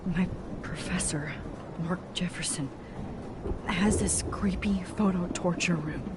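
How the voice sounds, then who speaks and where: A woman playing an earnest, gentle, troubled young heroine in a video game, speaking softly and hesitantly. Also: on the low side, measured pace, close to an everyday voice. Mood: sorrowful. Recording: loud storm noise behind.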